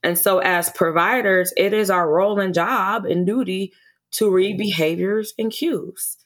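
A woman's voice: medium pitch, fairly even intonation, a little slow. A woman speaking as an early childhood educator on a podcast interview, earnest and passionate, often restarting and repeating words.

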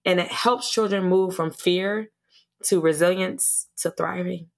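A woman's voice: on the low side, steady tone, measured pace, creaky. A woman speaking as an early childhood educator on a podcast interview, earnest and passionate, often restarting and repeating words.

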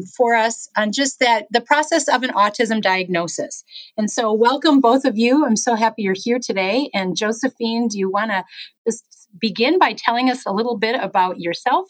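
A woman hosting a podcast interview, introducing guests and asking measured questions. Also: medium pitch, no echo. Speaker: podcast host, executive director.

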